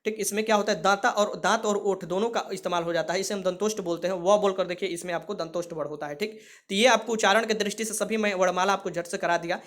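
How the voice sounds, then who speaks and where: A man's voice: high-pitched, fairly even intonation, fast talker, few pauses, fairly bright tone. A man teaching an exam revision lesson, explaining patiently and saying sounds aloud for students to repeat.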